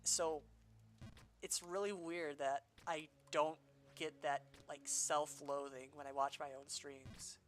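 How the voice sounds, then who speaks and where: Chatting while he streams a game, a young adult man rambles along in a self-deprecating way, full of fillers. He speaks slowly with little pitch movement, his voice on the high side, a bit bright, and slightly nasal because of allergies.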